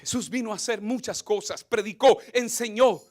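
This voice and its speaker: A man preaching a sermon with passion, repeating phrases for emphasis, swinging between shouting and whispering. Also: high-pitched, normal speed. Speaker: pastor.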